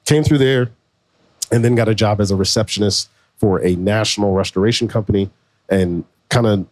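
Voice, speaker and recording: Man in his forties, fairly low voice, dry close sound, casual slangy storytelling. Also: brisk, darkish tone, no room sound. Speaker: podcast co-host. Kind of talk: casual conversation.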